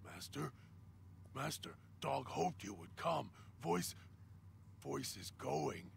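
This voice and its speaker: An actor voicing a hulking, timid mutant who talks about himself in the third person in simple broken phrases, in a video game. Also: male voice, medium pitch, lively intonation, takes it slowly, creaky, background noise, exaggerated voice. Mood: pleading. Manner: simple broken speech, refers to self as Dog.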